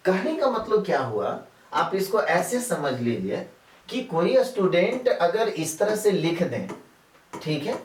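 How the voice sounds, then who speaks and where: A man's voice: high-pitched, big pitch swings, slow pace. Male teacher, rhetorical questions, distant mic. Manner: repetitive, quizzes students with rhetorical questions. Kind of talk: classroom chemistry lecture. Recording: echoey room, mic far off.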